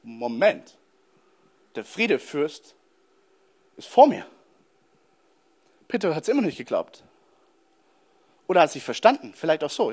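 A man giving a conversational sermon, telling stories animatedly and speaking straight to his listeners. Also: high-pitched. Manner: animated storytelling, addresses listeners directly. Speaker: preacher.

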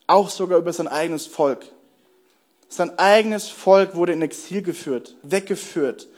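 A young man with a fairly high voice delivers a sermon as a pastor. He speaks earnestly, poses questions to his listeners and leans hard on important words. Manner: earnest preaching with rhetorical questions and slow emphatic stresses.

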